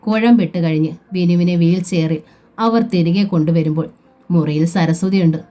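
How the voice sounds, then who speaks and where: A woman narrates a family novel in a steady, measured way. Her voice sits low and sounds mellow and soft-edged. Soft background music plays faintly beneath her. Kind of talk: storybook reading of a novel.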